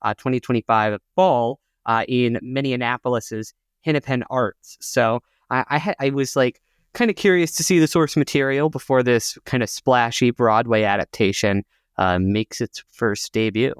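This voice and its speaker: A man with a medium-pitched, clean voice at a moderate pace, in a dry, studio-quality recording. He co-hosts a theater podcast, chatting casually and informatively as he reads out show listings, with many "uh" fillers.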